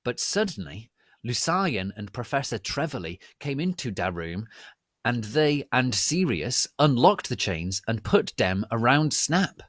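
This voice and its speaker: A man's voice: medium pitch, sing-song, unhurried, fairly bright tone, no echo, clean studio sound. A man narrating a dramatic reading of fan fiction in a hammy, theatrical, stagey manner.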